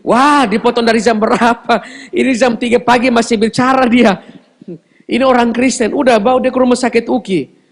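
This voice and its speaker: A man tells his personal testimony to a church in a high-pitched voice. He is dramatic and shifts between loud cries and soft, hushed lines. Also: fairly even intonation, a little fast.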